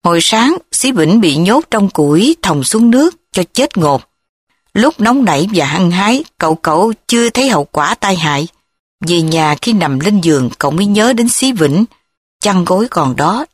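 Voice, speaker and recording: A woman reading a story as an audiobook, narrating in a steady storytelling manner. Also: fairly low pitch, normal speed, no echo. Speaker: audiobook reader. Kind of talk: scripted narration. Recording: dry close recording.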